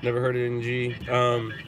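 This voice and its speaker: A middle-aged man live-streams from his car while driving, stuffed up and sniffling, rambling through casual chat as he reads viewer messages and answers them aloud. His mid-range voice is monotone at a normal speed, with crowd noise in the background.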